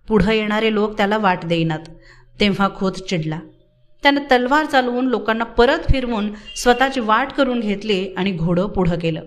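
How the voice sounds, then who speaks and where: Female audiobook narrator, dramatic novel reading, steady and expressive. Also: medium pitch.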